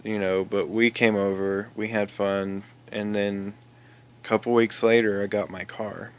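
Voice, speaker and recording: A man with a lowish, fairly flat voice talks through a story from his own life. He rambles and restarts a lot, filling the gaps with "you know" and "I was like." It sounds like loose, unscripted vlog talk. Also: measured pace, smooth. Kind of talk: casual personal storytelling.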